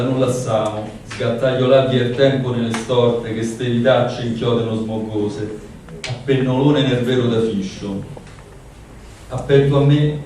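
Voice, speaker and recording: A man's voice: medium pitch, a little mellow. Echoey, distant Roman-accented man reciting poetry. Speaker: poet reading own dialect verse. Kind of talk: poetry recitation at a public reading. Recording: echoey room, distant mic, noisy.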